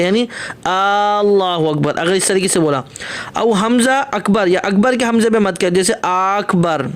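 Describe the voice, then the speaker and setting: A man teaching a religious text, reading a phrase and then explaining it line by line. He repeats points and asks himself questions before answering them. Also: high-pitched. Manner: repeats and rephrases points for emphasis. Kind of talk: classroom text lesson.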